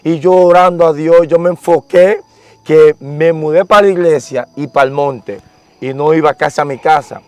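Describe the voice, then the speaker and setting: A man's voice: on the high side, fairly even intonation, normal speed, a little mellow, clean tone, no room sound. A young man tells his conversion story in an earnest, repetitive, emotional manner during an interview. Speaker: interviewee giving testimony. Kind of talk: religious testimony, casual storytelling.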